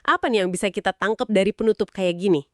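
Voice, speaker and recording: A woman's voice: medium pitch, quick pace, no echo, clean studio sound. A woman co-hosting a podcast who sums up points and asks friendly follow-up questions. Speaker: podcast co-host. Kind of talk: casual explanatory discussion.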